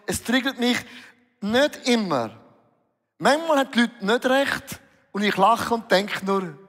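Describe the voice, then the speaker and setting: A man preaching a sermon, lively and emotional, acting out dialogues with Jesus. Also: extremely high pitch, a little slow. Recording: reverberant hall.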